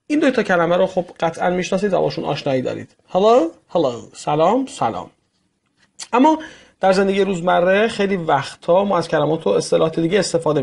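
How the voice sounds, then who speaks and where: A man with a gravelly edge to his voice, teaching a lesson. He pauses on each phrase and repeats it slowly with its translation. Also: a little high. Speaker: English teacher. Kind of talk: explaining English to Persian learners.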